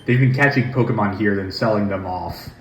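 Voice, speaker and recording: A man's voice: on the low side, a little fast, a bit bright, slight background noise, lightly acted. A man voicing a stern, righteous woman trainer from a game, imperious in manner, in an echoey room. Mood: urgent, commanding. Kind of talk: dramatised game dialogue.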